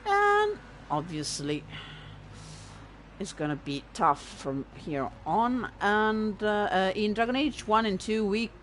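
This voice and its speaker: This let's-play host is a woman from Italy who speaks Italian natively and has an Italian accent; she thinks aloud and jokes at her own expense during casual gameplay commentary. Her mid-range voice is slightly bright and swings widely in pitch as she talks slowly, with a little hiss or hum in the audio.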